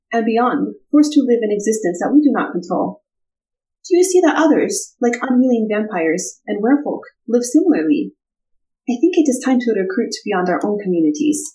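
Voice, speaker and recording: A woman's voice: medium pitch, natural voice, poor audio. A woman doing Constantina, a formal Vistani rebel. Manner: formal, put-on accent, deliberate. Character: earnest young Vistani woman, homesick rebel.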